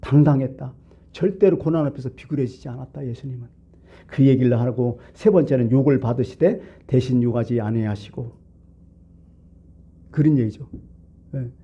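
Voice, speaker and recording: A man's voice: medium pitch, normal speed, long pauses, breathy edge, dull audio. A male pastor from South Korea preaching a Sunday sermon in a church, conversational and blunt, asking the congregation rhetorical questions. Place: church sanctuary.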